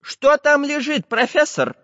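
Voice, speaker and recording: A man doing a calm little iron tinkerer. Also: very high voice, a little slow, no echo, in a large hall, muffled recording, voice pushed up, full character voice. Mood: plain.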